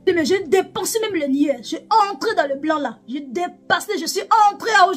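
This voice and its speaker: A prophetess from DR Congo gives an emotional spoken testimony of a vision, her voice pitched very high. She repeats her phrases over and over and lifts into chanting. Faint music plays behind her. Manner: repetitive, emotional, switching into chanting.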